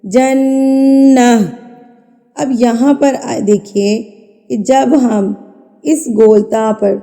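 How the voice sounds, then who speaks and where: A woman's voice: medium pitch, dark tone, long reverb tail. A woman teaching a Quran recitation lesson in patient, methodical steps, asking herself questions, answering them, and repeating sounds to demonstrate. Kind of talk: step-by-step tajweed lesson.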